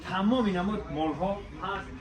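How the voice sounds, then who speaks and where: Inside a large clothing shop, a male promoter with a Tajik accent and a slightly high voice hawks deals like a bazaar merchant, repeatedly calling people to come, look and buy. His spontaneous sales patter on this walk-through is surrounded by a busy, noisy crowd.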